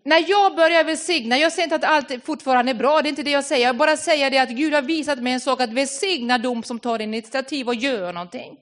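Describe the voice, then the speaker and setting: Female preacher, earnest and conversational, a little higher-pitched, restarts and repeats words. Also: few pauses, a bit bright. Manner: earnest, repeats words while reaching for phrasing. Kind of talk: sermon.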